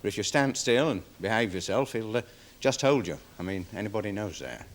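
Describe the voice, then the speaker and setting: An actor playing a nervous, deferential security guard testifying in a 1970s television courtroom drama, rambling with many fillers. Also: male voice, fairly low pitch, lively intonation, a little fast, natural voice. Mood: worried, defensive. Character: nervous security guard witness, dog handler. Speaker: witness in court.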